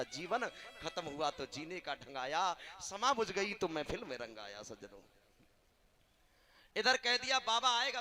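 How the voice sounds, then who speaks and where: A man telling a devotional story as a religious storyteller, acting out the characters' lines and often exclaiming "aha" between them. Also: high-pitched.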